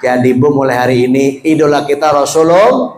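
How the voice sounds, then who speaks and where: A man preaching a jokey, storytelling sermon in a mosque, swinging between soft words and shouts. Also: mid-range voice, a little fast, background noise.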